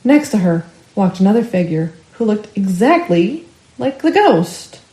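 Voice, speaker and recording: A woman storyteller reading a family ghost story aloud, expressive and rising with the action. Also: mid-range voice, unhurried, roomy sound, rough recording. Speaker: storyteller for a library. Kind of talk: scripted ghost story narration.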